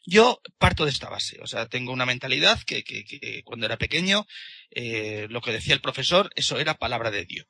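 Gravelly bright-voiced man. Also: medium pitch, very animated, fairly quick, dry recording. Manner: indignant, hesitant with many restarts. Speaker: participant in a discussion. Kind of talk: casual debate talk.

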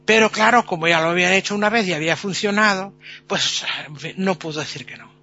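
A man telling a folk tale in a lively, chatty way, full of fillers. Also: high-pitched, quick pace, muffled recording. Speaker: storyteller.

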